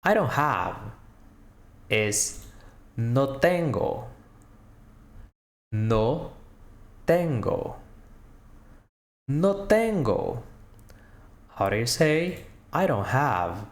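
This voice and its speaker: A man teaching a language lesson, slowly repeating short phrases and quizzing the listener, with slightly non-native English phrasing. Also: mid-range voice, very animated, echoey room. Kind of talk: slow spoken language lesson.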